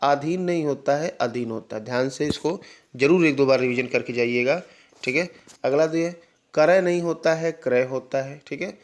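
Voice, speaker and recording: A man's voice: mid-range voice, moderate pace. Man teaching an exam-prep language lesson. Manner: explains patiently, often repeats "ठीक है" to check understanding; addresses students directly, sometimes calling them "भाई".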